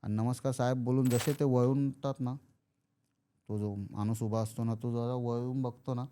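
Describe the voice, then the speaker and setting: A man's voice: medium pitch, fairly even intonation, moderate pace, mellow, slight background noise. A man telling a horror story casually, acting out the characters' lines. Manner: acts out characters' lines in quoted speech. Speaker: podcast guest storyteller.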